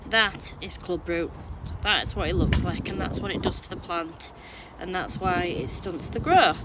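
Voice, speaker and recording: A woman vlogging from her allotment outdoors, chatting casually as she shows her work. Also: medium pitch. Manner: chatty, explaining as she works. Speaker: gardening vlogger. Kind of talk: casual walk-through chat. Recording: noisy outdoor recording. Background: wind and a strimmer.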